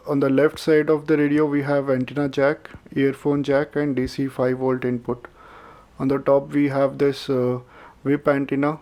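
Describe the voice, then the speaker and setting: Sitting at a desk indoors with a camera on a tripod, a man reviews and unboxes a radio. His medium-pitched, slightly mellow voice moves hesitantly and methodically, dotted with plenty of filler sounds.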